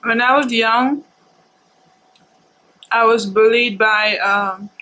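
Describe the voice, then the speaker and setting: A woman with a high, bright voice shares a personal story as a casual vlog. She speaks in a halting, reflective way and takes her time between phrases. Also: steady tone, low-quality recording. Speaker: food vlogger telling personal story.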